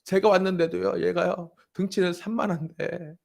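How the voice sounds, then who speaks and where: A man's voice: high voice, fairly even intonation, moderate pace, creaky, a little mellow. A man in his thirties preaching a sermon as pastor, addressing the congregation directly and telling a family story. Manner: storytelling, acting out his crying daughter's voice.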